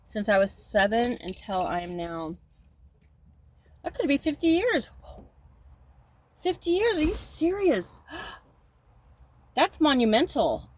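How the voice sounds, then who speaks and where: A woman in her fifties talks on the high side in a casual, wandering monologue. She repeats and restarts her sentences often, and now and then she becomes emphatic and indignant.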